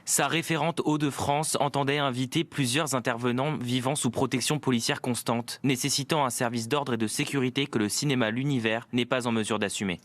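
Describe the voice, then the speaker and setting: A man reading an official statement aloud in a news report, formal and flat. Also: mid-range voice, a little fast, few pauses, no echo.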